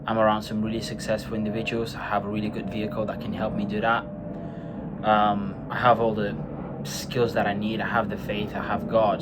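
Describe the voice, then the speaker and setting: A Bulgarian man in his twenties speaks earnestly in a rambling personal vlog monologue packed with fillers. His voice is lowish, with background noise.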